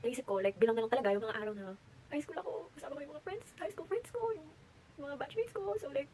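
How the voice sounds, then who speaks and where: A woman's voice: high voice, fast, slight background noise, low-quality recording. A young woman, chatting animatedly at home as she tells a story for her vlog. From Philippines. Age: late teens. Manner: chatty, animated, mixes English into Tagalog. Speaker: vlogger.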